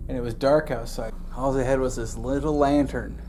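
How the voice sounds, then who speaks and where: A man's voice: mid-range voice, steady tone, moderate pace, warm tone, low-quality recording. A man speaks as a dad improvising a ghost story for his children, casual and conversational. There is some background noise and ambience in the home recording.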